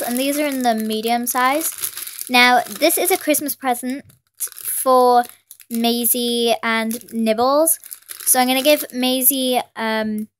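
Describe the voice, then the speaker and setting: A British teenage girl who hosts a pet channel talks in a high, stuffed-up voice, sniffly from a cold, rambling with lots of fillers and apologies. It's a casual haul vlog filmed from above on her hands at a table with Christmas decorations indoors, with slight background noise.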